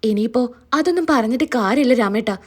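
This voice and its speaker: Woman doing a calm reassuring brother-in-law. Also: a little high, fast.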